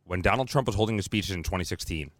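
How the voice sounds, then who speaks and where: A man co-hosting a casual talk podcast, talking fast and bluntly, with casual swearing. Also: fairly low pitch, expressive, dry recording. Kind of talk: casual political and media chat.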